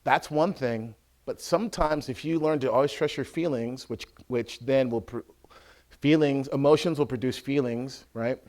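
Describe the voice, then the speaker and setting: A man, an Orthodox priest, teaching in a conversational way, often checking that listeners follow and acting out scenes loudly. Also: medium pitch, moderate pace. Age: adult with a school-age son. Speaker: Orthodox priest giving a talk.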